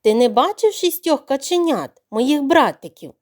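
A woman's voice: high-pitched, big pitch swings, normal speed, a little mellow. A woman voicing a small, clever young duckling in a storybook, talking politely but firmly. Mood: earnest. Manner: polite and firm.

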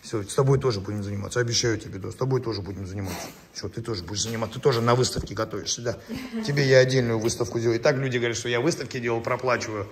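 A host at an animal park chats casually to viewers while filming, presenting the pets and their trainer with effusive enthusiasm and frequent repetition. His mid-range voice comes very fast and from a distance, with a crowd audible behind him. The room is echoey, with background noise.

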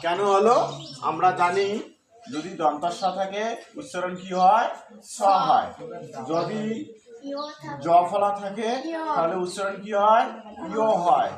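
A man's voice: high voice, lively intonation, a little slow, pauses often, reverberant, crowd noise, rough recording. A man teaching a pronunciation lesson, patiently asking questions, answering them himself and counting syllables aloud. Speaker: Sanskrit recitation teacher.

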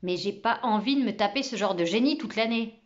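A woman's voice: mid-range voice, fairly quick, highs cut off, natural voice. A woman voicing a big schoolboy who grumbles and sounds baffled. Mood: grumbling.

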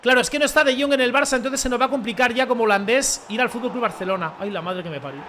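Young gamer guy yelling at the ref, really high sharp voice, faint music behind. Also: very fast. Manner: shouts and yells at the referee, swears, talks to viewers. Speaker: gaming streamer. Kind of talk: excited gameplay commentary.

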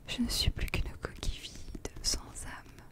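Young woman in a hushed library whisper. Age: young adult. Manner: slow, deliberate delivery with pauses. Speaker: ASMR creator. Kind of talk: whispered ASMR story reading. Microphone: close desk microphone, headphones on.

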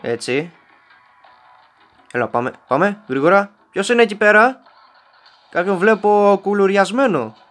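A man's voice: high-pitched, expressive, pauses often, fairly bright tone, soft background music. A young man giving casual let's-play commentary, joking and talking back to the characters on screen. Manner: joking, talks to game characters. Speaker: gameplay commentator.

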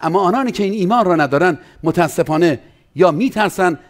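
A male pastor delivering an animated sermon, often acting out quotes in other voices. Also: high voice. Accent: Persian. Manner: animated preaching with acted-out quotes.

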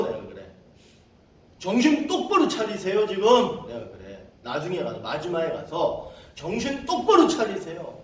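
A middle-aged male pastor telling stories in a conversational sermon, sometimes shouting quoted lines. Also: medium pitch, slight background noise. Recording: echoey room from a distance.

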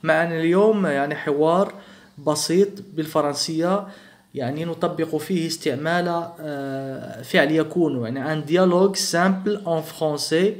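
A male French teacher with a high voice gives a bilingual language lesson. He reads French lines slowly, then explains them quickly in Arabic.

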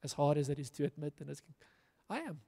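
Expressive, fast, gravelly and warm, this slightly high voice comes from a middle-aged South African pastor. He preaches a sermon into a handheld microphone on a church stage in a large hall, earnest and rousing with emphatic repetition, and long reverb hangs in the air.

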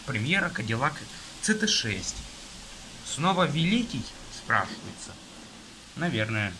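A young man casually reviewing a car magazine page by page, listing items in a halting way with fillers, filmed on a phone at a table indoors while rain falls outside. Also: medium pitch, big pitch swings, noisy background. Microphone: phone camera filming from above.

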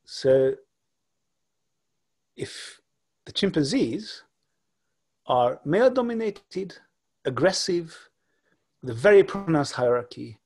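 Speaking through a laptop webcam on a video call, this forties-aged man from Hungary gives an online lecture from his home. His medium-pitched voice is gravelly, darkish and slightly rough, and his delivery halts with frequent fillers and restarts.

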